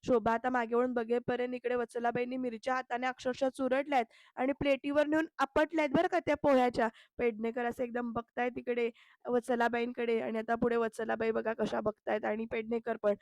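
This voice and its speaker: A woman's voice: fairly high pitch, little pitch movement, brisk, darkish tone, no echo. A woman narrating a chatty voice-over recap of a TV serial episode, talking straight to the viewers. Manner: chatty, addresses viewers directly.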